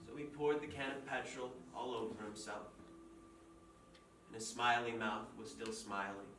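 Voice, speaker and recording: An actor playing a writer who tells a dark fairy tale aloud in a measured, deliberate way, in a stage play. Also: male voice, mid-range voice, steady tone, slight background noise, close to an everyday voice. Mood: somber storytelling. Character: grim storyteller telling a dark fairy tale. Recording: echoey stage from far off, with music.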